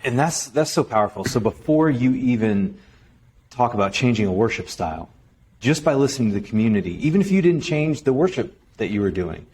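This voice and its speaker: A man's voice: medium pitch, animated, brisk, darkish tone, a little hiss or hum. A man hosting an interview, asking questions and affirming the guest's answers with enthusiasm.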